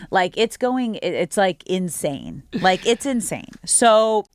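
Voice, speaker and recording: A woman's voice: medium pitch, big pitch swings, slow pace, no room sound, studio quality. An American woman hosting sports radio, talking casually and emphatically straight to her listeners. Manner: conversational, emphatic, addresses listeners as you guys.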